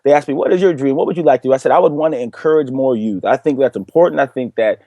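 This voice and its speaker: A man's voice: medium pitch, very fast, no room sound, lo-fi sound. A young man, a guest in an interview, telling his story earnestly and acting out what people said to him. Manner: earnest, animated storytelling with acted-out quotes. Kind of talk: interview conversation.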